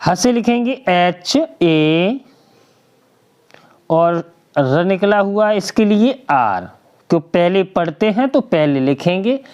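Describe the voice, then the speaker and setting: A woman's voice: fairly low pitch, expressive, slow pace, darkish tone, muffled recording. A woman teaching a spelling lesson, patient and drawn out, spelling letters one by one and answering her own questions. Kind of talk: slow classroom lesson.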